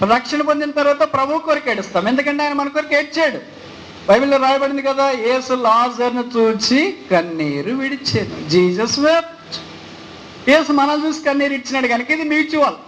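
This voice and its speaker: A man preaching a sermon, driving points home with repeated rhetorical questions and slowing right down to stress key phrases. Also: very high-pitched, animated, a bit bright, a little hiss or hum, rough recording. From India. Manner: slows sharply to stress English phrases.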